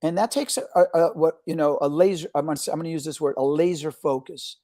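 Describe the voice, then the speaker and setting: A man's voice: fairly high pitch, fast talker, mellow, no room sound, studio quality. A middle-aged man from Argentina, a film director talking energetically as an interview guest, often restarting his words. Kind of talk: casual interview talk.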